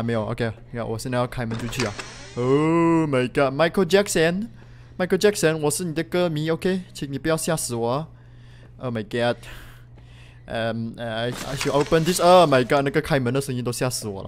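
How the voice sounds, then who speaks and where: Man, young, excitable horror-game commentary, mixes in English, slight background hiss. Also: medium pitch. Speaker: gaming YouTuber.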